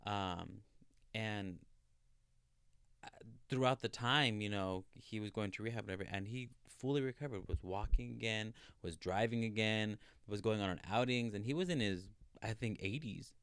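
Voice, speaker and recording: A man's voice: on the low side, normal speed, fairly bright tone, clear, resonant tone, no room sound, clean studio sound. Pria tiga puluhan bersuara rendah dan jernih, rekaman kering. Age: 30s. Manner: chatty, earnest storyteller with many fillers. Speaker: podcast co-host. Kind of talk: casual chat.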